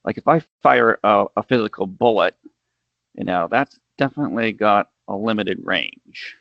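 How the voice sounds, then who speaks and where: A man with a fairly low, gravelly voice asks skeptical questions over a video call. The audio is dull and lo-fi. It is dry, with no room sound. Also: moderate pace, dry recording. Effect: heard over a video call. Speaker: interviewer playing critic. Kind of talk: probing interview questions.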